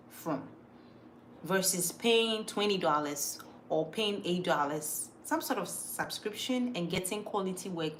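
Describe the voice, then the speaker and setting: On a poor-quality recording with a little background noise, a woman with a low-leaning voice hosts a livestream and reads out viewers' comments. She's from Ghana, her accent blended from living in different places, and she talks casually and emphatically, repeating herself while she thinks.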